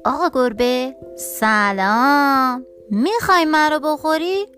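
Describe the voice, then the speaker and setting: A woman voicing a clever, cheeky male mouse in a children's storybook, calling out quickly in a playful voice. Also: high-pitched, soft background music. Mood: sly. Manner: quick, shouting, playful tricks.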